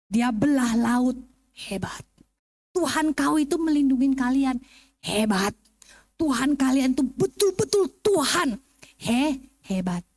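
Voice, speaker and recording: Shrewd madam in awe, a woman voicing her, slow and low in a retold Bible tale. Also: expressive, darkish tone, exaggerated voice. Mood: awed. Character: shrewd grown woman brothel madam, awed.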